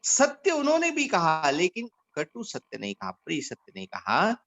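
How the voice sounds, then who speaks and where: With huge swings in pitch and a fairly bright tone, this Indian man guides volunteers, weaving short parables into his teaching. As the organisation's leader, he tells his stories slowly and deliberately.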